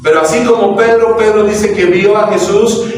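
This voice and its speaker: A man's voice: high voice, steady tone, moderate pace. A Mexican man preaching a sermon as pastor, asking his listeners questions and acting out the voices he quotes. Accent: Mexican Spanish. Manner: acts out quoted voices, asks the crowd questions. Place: church hall. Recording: very echoey hall, distant mic, faint hiss.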